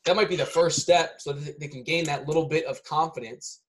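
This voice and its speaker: A man's voice: on the high side, brisk. A man talking casually on a podcast, rambling with many restarts and often ending lines with "right?".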